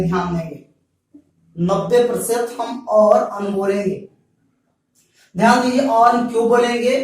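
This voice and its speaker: Male teacher, patient repetitive lecturing, distant mic, heavy room echo. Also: sits high. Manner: repeats points, addresses students directly. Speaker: English teacher. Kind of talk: Hindi-language grammar lecture. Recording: very echoey room, far from the mic.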